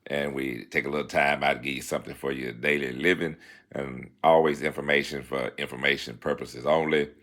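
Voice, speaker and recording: A man hosting a self-help talk segment, moving between formal read-out passages and relaxed, folksy asides, often checking in with "all right?". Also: extremely low pitch, brisk. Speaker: show host giving self-help advice.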